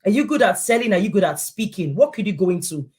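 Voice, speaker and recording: A woman's voice: mid-range voice, sing-song, fast, a little mellow. A woman speaking as a guest in an informal interview. She tells her experiences with animation, acting out quoted conversations in the voices of the people involved. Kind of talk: casual interview chat.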